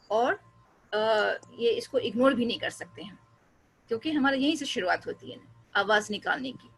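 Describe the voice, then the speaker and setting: A woman teaches English pronunciation, drawing out each sound and repeating words for her class. Her voice sits fairly high and has a husky grain. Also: low-quality recording. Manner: explains slowly, drawing out sounds and repeating them; switches between Hindi and English. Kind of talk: online pronunciation lesson.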